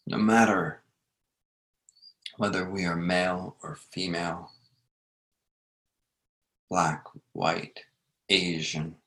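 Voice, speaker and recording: A man leading a guided meditation, speaking gently in short phrases with long unhurried pauses. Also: low-pitched, little pitch movement.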